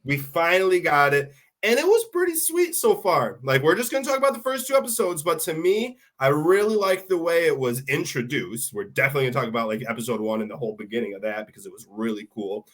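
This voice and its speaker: A man's voice: on the high side, lively intonation, fast talker, few pauses, a bit bright. A man hosting a casual podcast chat while sick, his voice nasal, talking in an upbeat, rambling way. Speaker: podcast host.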